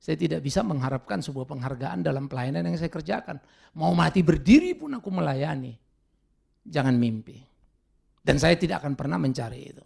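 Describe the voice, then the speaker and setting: A male pastor preaching a sermon in an animated way. He slips English words into his talk and acts out the people he quotes. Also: a little high, fairly quick, vocal fry, slightly rough.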